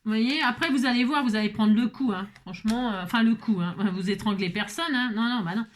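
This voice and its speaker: Chatting through a crafting tutorial, a middle-aged woman speaks fairly quickly in a slightly high voice. She wanders off track, stumbles and restarts a lot, and makes jokes at her own expense.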